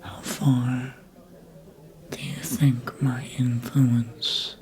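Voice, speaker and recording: A mid-range, level, slightly mellow voice brings to life a sly, manipulative vampire with teasing menace. The performer whispers breathily in ASMR style, coaxing with slow, deliberate, hypnotic seduction.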